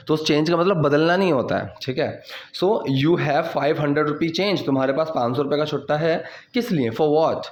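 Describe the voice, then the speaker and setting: A young man teaching English grammar in casual Hindi, checking in often and saying the English example sentences slowly and deliberately. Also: fairly high pitch, a little mellow. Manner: casual, repetitive teaching with many "theek hai" check-ins.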